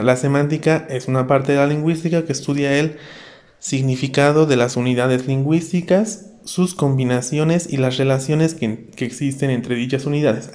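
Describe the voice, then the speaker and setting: A man's voice: medium pitch, a little mellow. A young man with a Bolivian Spanish accent, teaching an online pre-university class, explaining step by step and often checking in with his students.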